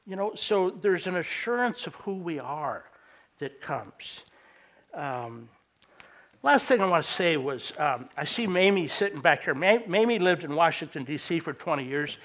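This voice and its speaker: A middle-aged man preaching a sermon as a pastor, conversational and halting, with many fillers and restarts. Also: fairly high pitch, sing-song, a bit bright. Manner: acts out quoted voices in anecdotes.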